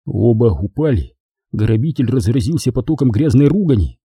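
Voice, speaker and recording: A man reads an audiobook with an expressive, dramatic delivery and a lively pitch. His voice is dark and husky, and the recording is close and dry. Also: normal speed, no room sound. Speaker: audiobook narrator. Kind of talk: audiobook narration.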